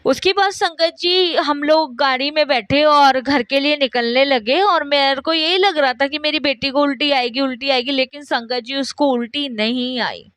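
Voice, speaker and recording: A woman's voice: high voice, normal speed, hardly any pauses, fairly bright tone, dry recording, studio quality. A middle-aged woman telling her own devotional testimony, repeatedly addressing listeners and acting out the dialogue of people in her story. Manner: acts out quoted dialogue in story. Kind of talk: first-person spoken testimony.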